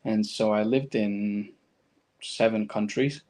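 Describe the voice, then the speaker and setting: Speaking slowly in a fairly low, steady, mellow voice, an Argentine guest whose first language is Spanish reflects on his own life in conversation. He has a Latin American accent.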